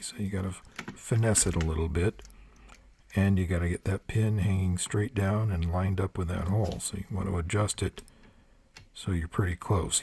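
A man's voice: low voice, gravelly, a little mellow, a little hiss or hum. An older man giving a hands-on tool review in a plain-spoken, practical way with dry asides. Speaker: product reviewer. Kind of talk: hands-on product review narration. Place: workshop table.

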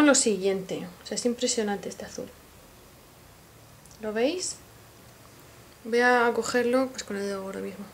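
There's a faint hiss or hum under this woman's rather high voice, which carries a Spain Spanish accent. As a beauty vlogger doing a casual makeup haul, she gushes eagerly and talks directly to viewers.

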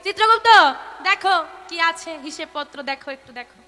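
A woman's voice: extremely high pitch, expressive, normal speed, bright, forceful tone, exaggerated voice. Yama, as a woman puts him on, stern king of the dead. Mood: commanding. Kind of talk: devotional storytelling. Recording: echoey hall, faint music.

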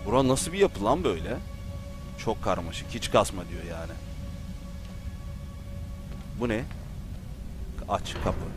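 A man commenting on his gameplay in a casual, excitable way, often yelling and joking. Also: on the low side, a little slow, long pauses, over music. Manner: excitable, yells and jokes while playing.

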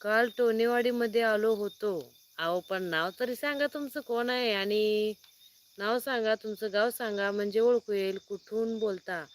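Sitting outdoors under a light at night, a woman farmer from Maharashtra's Sangli district runs a phone live stream, greeting each viewer by reading their name aloud. She speaks at a measured pace in a mid-range voice, with slight background noise.

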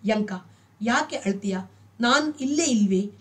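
A woman reading a novel aloud, voicing an aloof man who answers in a flat, matter-of-fact way. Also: a little high, unhurried, recorded from a distance. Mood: detached.

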